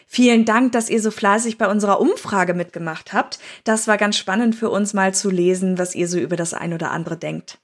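Woman w hosting a podcast, mid pitched, reading off prepared notes. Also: a little fast, few pauses. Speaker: podcast host. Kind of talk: scripted podcast presenting.

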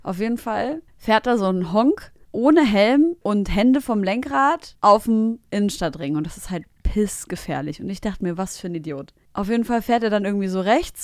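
A woman in a casual podcast chat, telling lively stories in slangy everyday talk. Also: mid-range voice, normal speed, hardly any pauses, no echo, studio quality.

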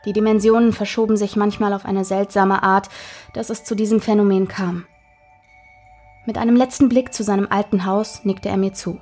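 A woman narrating a scripted spooky Halloween story in a measured storytelling manner. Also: medium pitch, steady tone, a little mellow, faint music behind.

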